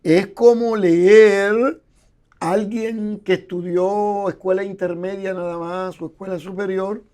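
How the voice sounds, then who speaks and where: Slow and fairly even in intonation, this older man's high, dark-toned voice carries long explanations of scholarly points. He is a guest Bible scholar in a conversational interview who lectures with examples and repeats his words frequently.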